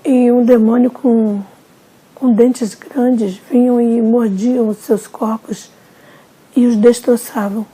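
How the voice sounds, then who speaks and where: A woman narrating a religious testimony in a solemn, measured storytelling manner. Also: a little high, fairly even intonation, warm tone, slightly rough. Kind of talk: slow dramatic testimony narration.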